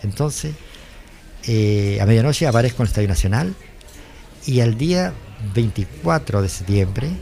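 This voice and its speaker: A man's voice: fairly low pitch, lively intonation, normal speed, vocal fry, warm tone. An older man with a Chilean accent giving a rambling personal testimony, often repeating himself and quoting what others said. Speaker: interviewee, former driver.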